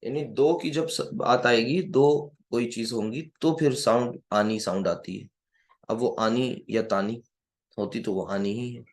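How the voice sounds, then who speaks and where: A man giving a classroom grammar lecture who keeps quizzing his students and slowly repeats key words. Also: medium pitch. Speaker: Arabic grammar teacher.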